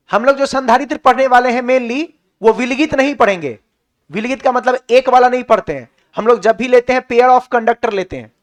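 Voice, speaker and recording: Male physics tutor with a Bihari accent and a very high voice, quizzing students out loud. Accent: Bihari Hindi. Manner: questions the class and answers himself, drills points. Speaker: physics teacher. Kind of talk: classroom lecture.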